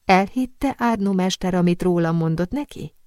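A woman voices a bright, curious young perfumer in an audiobook, polite and quick to ask. The voice is low for a woman and recorded dry and close. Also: clean tone, no room sound, close to an everyday voice. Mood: cheerful. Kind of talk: audiobook character reading.

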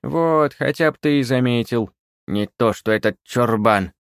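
A cranky old witch of the woods, put on by a male narrator, shrill and scolding. Her grumbling climbs high and loud. The recording is dry and close. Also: unhurried, clean tone, dry recording, natural voice.

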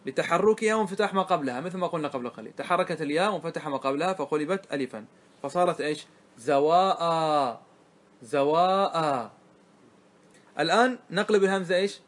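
A man's voice: on the high side, lively intonation. Man teaching a grammar lesson. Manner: checks understanding with frequent questions; drawls words slowly when spelling out forms.

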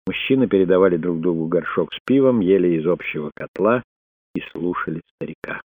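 A man narrating a thriller audiobook in a steady, even reading voice. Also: sits low, fairly quick, no room sound. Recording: dry, phone-like narrow sound.

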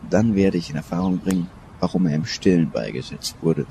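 An older professor of Egyptology in a radio play. He speaks in a very low voice, measured and in command. A faint hiss runs under it. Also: expressive, gravelly, mellow. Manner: measured, authoritative.

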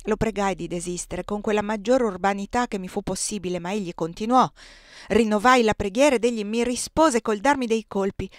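A woman's voice: mid-range voice, fairly quick, no echo, lightly acted. A woman reading the part of an enslaved young husband who speaks grimly and bitterly about his master, in a dry, close audiobook recording. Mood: bitter, indignant.

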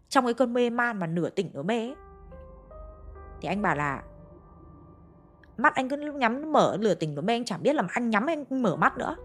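A woman's voice: a little high, a bit bright. A woman with a Hanoi accent narrating a ghost story in a conversational way, speaking to her listeners. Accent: Hanoi Vietnamese.

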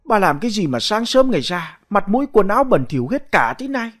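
A man's voice: sits high, big pitch swings, quick pace, fairly bright tone, voice pushed up. A man voicing a fussy scolding old grandfather. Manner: raised, scolding.

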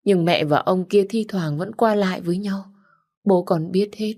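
A woman voicing a remorseful, dying older mother who confesses in halting, tearful phrases, read for an audiobook. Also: mid-range voice, warm tone, pitched above the performer's own voice, lightly acted. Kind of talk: audiobook character reading.

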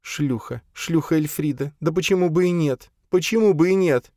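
Hysterical jilted lover, played by a male reader, voice pushed high and shrill, dry read. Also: moderate pace, mellow, no echo, lightly acted. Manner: pleading, then shrill and wounded. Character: jilted young woman, hysterical and jealous.

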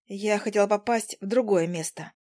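A woman narrating a first-person story in an expressive, lively reading. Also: mid-range voice, moderate pace. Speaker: audiobook narrator.

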